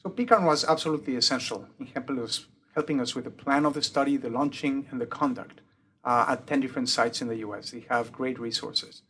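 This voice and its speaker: A man's voice: mid-range voice, a little fast, slight background noise. A man with a mixed French and Mexican accent, a pediatric emergency doctor, methodically explaining his research in an interview. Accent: mixed French and Mexican Spanish. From born in the UK, grew up in Mexico. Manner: methodical, lists points in a steady explanatory way.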